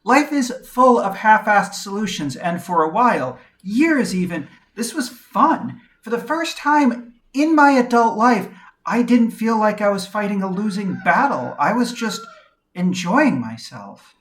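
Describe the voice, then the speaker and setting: Woman, reflective first-person narration, quiet and measured, candid, pauses often. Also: medium pitch, sing-song. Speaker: video essayist.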